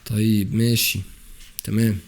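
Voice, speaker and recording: A man with an Egyptian Arabic accent teaching a French grammar lesson for exam prep, rattling off rules and quizzing the student with quick questions. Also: lowish voice, level tone, darkish tone.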